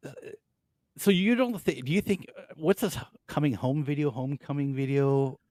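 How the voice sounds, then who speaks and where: A man's voice: fairly high pitch, moderate pace, a little mellow, no echo, studio quality. A man co-hosting a casual, mocking chat, reading out listings and laughing often. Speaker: co-host.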